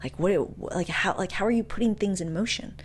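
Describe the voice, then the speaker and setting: Her medium-pitched voice moves fairly quickly through a motivational talk built on personal anecdotes, over a slight hiss or hum. The woman, a podcast host and motivational speaker, is candid and relaxed, punching her points with emphasis and slangy side comments.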